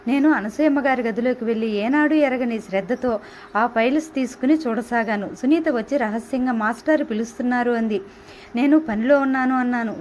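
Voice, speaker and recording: A woman's voice: on the high side, muffled recording, slight background noise. Woman reading a novel aloud. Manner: expressive reading, voicing dialogue. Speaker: audiobook narrator.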